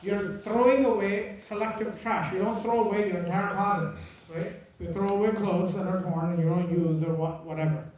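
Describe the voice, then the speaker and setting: A man's voice: high voice, steady tone, moderate pace, darkish tone. A man lecturing a class in an emphatic, teasing way, repeating key points and checking that students follow. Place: lecture room. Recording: echoey room from far off.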